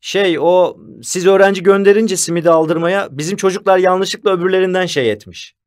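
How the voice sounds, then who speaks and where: Casting: a man doing a sly, stammering canteen keeper, eager to please, voice lifted and louder, for an audiobook. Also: high-pitched, brisk, pitched above the performer's own voice, natural voice. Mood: fawning. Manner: stammering and apologetic. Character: sly, fawning male school canteen keeper. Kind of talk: audiobook character voice.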